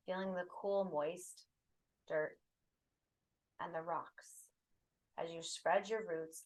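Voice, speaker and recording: This rough recording captures a woman with a fairly low voice guiding a meditation. Her soothing instructions come slowly, in brief phrases broken up by pauses.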